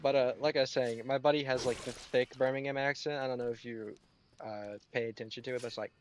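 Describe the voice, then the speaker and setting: A man's voice: mid-range voice, steady tone, fast talker, a little hiss or hum. A young man from the United States in his late teens, chatting sarcastically and rambling while he streams a game. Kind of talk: casual live-stream chat while gaming.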